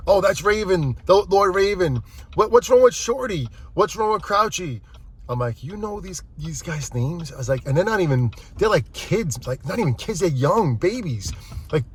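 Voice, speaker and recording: A man's voice: mid-range voice, darkish tone, a little hiss or hum. A middle-aged man vlogging casually while loading and driving a truck, rambling with many restarts and fillers, filmed on a phone. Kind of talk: casual vlog talk. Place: in and around a truck.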